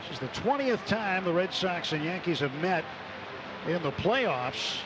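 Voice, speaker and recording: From the ballpark booth, a high-voiced male announcer delivers live radio play-by-play of a baseball game against a noisy background. Calm and measured between plays, he turns excited whenever a big play happens.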